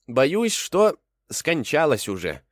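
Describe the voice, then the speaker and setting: A small, sly male rabbit chirps in a high, squeaky voice, as a man reads him out. The storybook delivery is bouncy and quick to leap in pitch. The sound is dry and close, with no room around it. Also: very animated, dry recording. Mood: feigned sorrow. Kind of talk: storybook reading.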